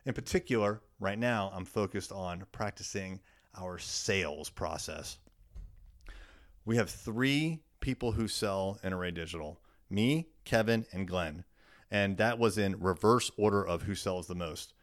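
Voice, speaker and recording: A man's voice: low-pitched, unhurried. A man giving a solo business talk as a podcast host, explaining in a coaching style with emphatic repetition of key words.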